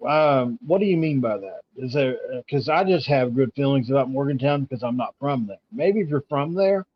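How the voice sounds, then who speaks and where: A man's voice: medium pitch, expressive, brisk. A man co-hosting a sports livestream, talking in a laid-back, wry way. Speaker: sports podcast co-host. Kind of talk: casual livestream sports talk. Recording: dull husky lo-fi livestream audio.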